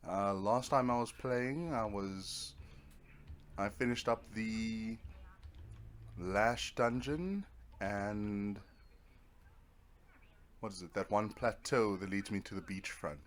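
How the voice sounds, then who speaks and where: Here the same kind of let's play chatter comes slowly, his lowish voice pausing often as he half talks to himself and drops playful little words. Netflix from a nearby TV sits clearly in the background.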